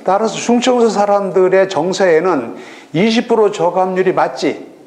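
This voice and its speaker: A middle-aged man giving a recorded lecture on real estate auctions, lively and full of rhetorical questions. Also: sits high, moderate pace. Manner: lively, rhetorical questions, acts out regional voices.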